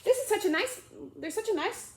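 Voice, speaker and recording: A woman's voice: sits high, expressive, a little fast, roomy sound, pitched above the performer's own voice. A woman voicing Alice, a polite and eager young girl, in a storybook reading. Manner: eager and hasty, apologetic.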